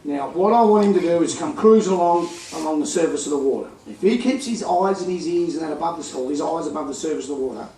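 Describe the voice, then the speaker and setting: A man's voice: on the high side, animated, fast, few pauses, mellow, a little hiss or hum. An Australian man presenting a crocodile feeding show to a live crowd, teasing the audience with jokes. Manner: jokey, teasing banter with the audience. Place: outdoor crocodile farm show area. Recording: echoey sound from a distance.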